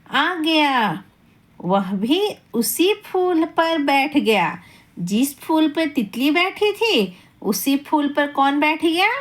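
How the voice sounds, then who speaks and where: A woman telling a children's story, repeating each line and asking her young listeners questions. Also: high-pitched.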